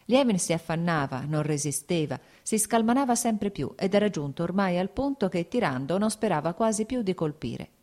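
A woman reading a classic novel aloud as an audiobook, steady and measured. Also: fairly low pitch. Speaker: audiobook narrator.

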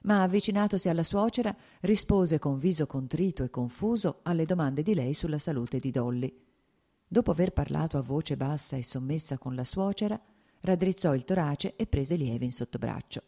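Low-voiced woman reading a novel. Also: normal speed, mellow. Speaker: audiobook narrator. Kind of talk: scripted novel narration.

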